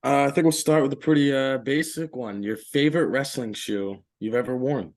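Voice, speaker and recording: A man's voice: mid-range voice, normal speed, a little mellow. A man co-hosting a casual podcast, asking questions and giving brief, upbeat reactions. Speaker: podcast co-host.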